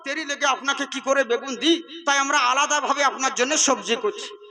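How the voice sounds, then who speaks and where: A man's voice: extremely high pitch, moderate pace, sharp tone, full character voice. A man voicing a deferential male event committee member who politely explains himself. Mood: apologetic.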